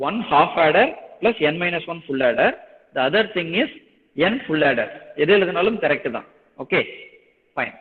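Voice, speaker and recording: A man's voice: a little high, sing-song, very fast. A man with a Tamil Nadu Indian accent, a native Tamil speaker, lecturing to a class in a repetitive, explanatory way with check-in questions. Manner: repetitive, explanatory, switching between Tamil and English. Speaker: engineering lecturer teaching an online class. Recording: thin phone-like line, long hollow reverb.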